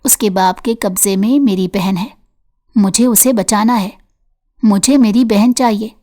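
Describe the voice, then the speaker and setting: A woman's voice: mid-range voice, mellow, lightly acted. A furious young man growls threats in a harsh, desperate voice, as a woman reads him aloud. He is driven and stern in this spoken storybook.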